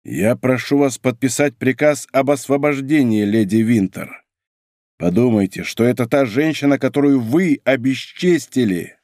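A man's voice: mid-range voice, moderate pace, darkish tone, dry recording, studio quality, close to an everyday voice. A man voicing a grim young zealot officer who speaks in a stern, solemn, accusing way.

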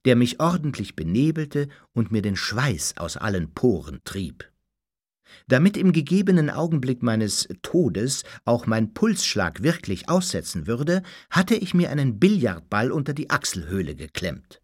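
Lively, theatrical male audiobook narrator. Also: medium pitch, no room sound, clean studio sound. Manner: theatrical, expressive. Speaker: audiobook reader. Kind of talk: dramatic first-person storybook narration.

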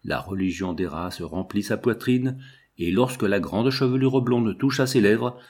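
A man narrating a classic novel with a measured, expressive delivery. His voice sits somewhat low, and he reads steadily. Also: breathy edge. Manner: measured, expressive literary reading. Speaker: audiobook reader. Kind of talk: scripted narration.

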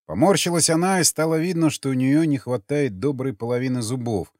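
A man narrating an audiobook in an expressive reading. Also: mid-range voice, a little fast, no room sound, studio quality. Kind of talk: scripted narration.

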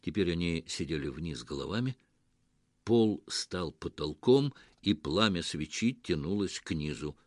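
Deep-voiced male audiobook narrator. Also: expressive, a little slow, a little mellow, dry recording, clean studio sound.

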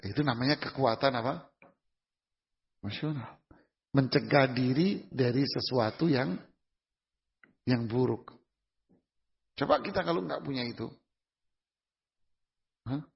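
A man's voice: mid-range voice, gravelly. A man giving a conversational religious lecture as a preacher, putting questions to the audience and answering them himself with everyday examples. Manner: uses everyday examples in casual speech. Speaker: Islamic preacher. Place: lecture hall. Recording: dull lo-fi recording in a reverberant hall.

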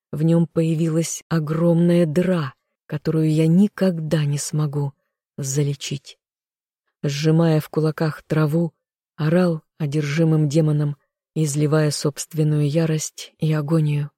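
An audiobook narrator reading a dramatic first-person fantasy story in a steady, even way. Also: mid-range voice, dry recording, clean studio sound.

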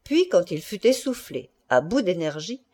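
A woman reading a classic short story aloud as an audiobook narrator, in an expressive literary style. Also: on the low side, moderate pace, slightly rough. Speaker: audiobook reader. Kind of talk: scripted narration.

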